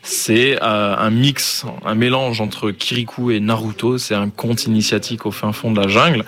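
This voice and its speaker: A man from Ghana talks about his work as a manga artist. His voice sits a little low, and he explains things fluently and clearly. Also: steady tone, normal speed, a bit bright. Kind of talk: interview answers.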